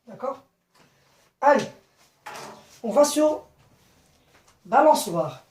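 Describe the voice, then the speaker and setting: Slow, distant teacher woman in echoey room. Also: sits high, animated, a little mellow, slight background noise. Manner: slow, clear, repeats and spells words out, checks with "d'accord?". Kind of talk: classroom phonics lesson to children.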